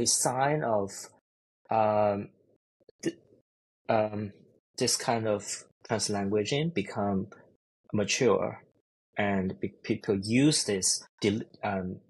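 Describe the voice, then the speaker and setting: A man in his thirties explaining ideas haltingly in an online interview, often repeating words. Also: fairly low pitch, breathy edge, poor audio. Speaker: researcher guest. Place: indoors, book-lined room. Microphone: earbuds on a video call.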